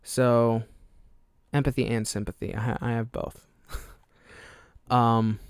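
Recorded in studio quality with no room sound, this solo podcast monologue features a young Alabama man whose American accent is fairly neutral. His voice is mid-range, dark, clear, and resonant; he chats casually, drifts off topic, loses his thread, and is self-deprecating, with fillers and little laughs.

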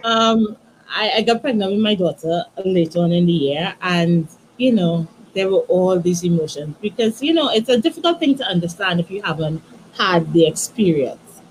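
Soft-spoken woman telling a personal story. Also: on the low side, lively intonation, a little hiss or hum, rough recording. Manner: soft, halting, many restarts and "you know". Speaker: guest, author.

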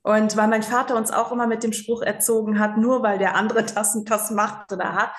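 A woman's voice: on the high side, little pitch movement, fairly quick. A woman in her forties, a psychological counselor, telling stories in a casual interview with lots of fillers. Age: 40s. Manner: chatty storyteller, many fillers, laughs easily. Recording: roomy echo.

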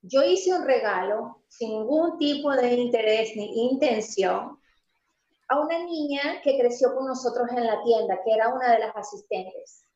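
A high-voiced, animated woman whose first language is Spanish appears as a pastry entrepreneur guest in a casual conversational interview. She is emphatic, stressing points slowly and laughing easily. The sound is roomy and slightly dull, suggesting a spacious room.

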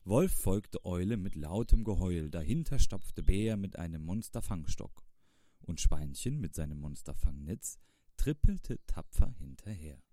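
A man narrates a children's storybook in a calm, measured voice. His voice is very low and dark and his pace unhurried. The sound is close and dry. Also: no room sound.

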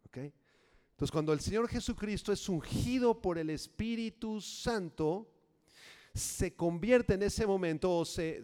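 A man preaching a sermon as a pastor, teaching step by step, and swinging from loud, rousing lines to quiet instructions. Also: high-pitched. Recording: long hall reverb.

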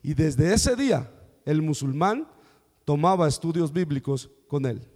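A man preaching a sermon, telling stories and acting out dialogue with lively questions to the congregation. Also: fairly high pitch, a little slow. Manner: animated storytelling, acting out dialogue. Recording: long hall reverb.

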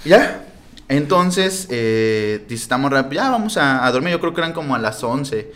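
A man's voice: mid-range voice, animated, moderate pace, a bit bright. A young man with a Mexican accent, animatedly telling a story in slangy casual chat, laughing as he goes. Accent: Mexican Spanish. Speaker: storyteller in a group podcast.

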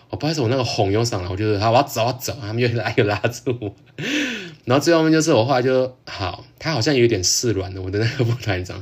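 A man with a Taiwanese Mandarin accent, hosting a podcast and telling a story in casual chat, laughing often and acting out what others said. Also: on the low side. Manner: animated, laughs often, acts out quotes. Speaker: podcast host.

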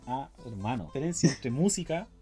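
A man's voice: medium pitch, lively intonation, fairly quick, mellow, faint music behind. A young man with a Chilean accent, chatting casually and explaining things at length with plenty of slang. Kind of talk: casual chat.

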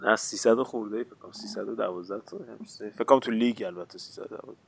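A man's voice: on the low side, gravelly, slight background noise. A man chatting casually about football on a podcast, hesitating and searching for words.

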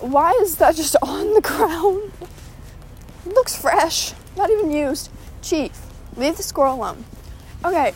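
A woman's voice: high voice, slight background noise, poor audio. A teenage girl chatting casually while walking around her neighborhood, rambling with lots of filler words and a bit out of breath. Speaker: vlogger. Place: outdoors walking through a neighborhood.

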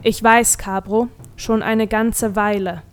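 A woman's voice: medium pitch, fairly even intonation, slow pace, clean tone, natural voice. A woman voicing a defiant, proud young woman who speaks curtly and coldly. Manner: curt, defiant.

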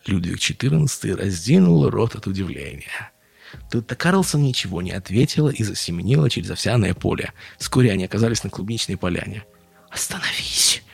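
Male audiobook narrator, husky and expressive, dry studio sound. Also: lowish voice, a little fast, dry recording, soft background music. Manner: expressive, playful reading. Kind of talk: audiobook storytelling.

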